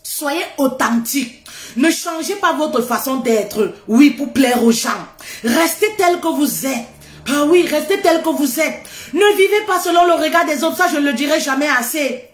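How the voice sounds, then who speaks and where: A woman giving a casual motivational talk, loud and laughing often, repeating phrases for emphasis. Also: high voice, normal speed, echoey room, soft background music.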